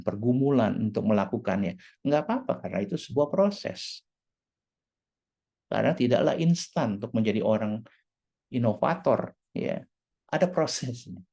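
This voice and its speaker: A woman's voice: rumbling low, creaky, mellow, slightly rough. A woman teaching a church leadership class, acting out quoted dialogue with animation and dropping English words into her talk.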